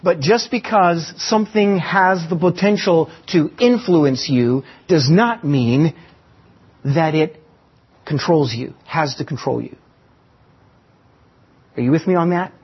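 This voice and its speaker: A man preaching a sermon, teaching with stories and slowing down for emphasis. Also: on the high side, husky. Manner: teaching with illustrations and slow emphatic pauses. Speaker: pastor. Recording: dull lo-fi sermon recording.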